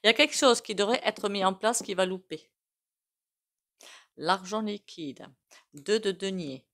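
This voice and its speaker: An unhurried woman with a mid-range, fairly bright voice reads tarot casually to the camera. Her regional French accent comes through as she chats and rambles, filling in with lots of fillers and self-directed asides.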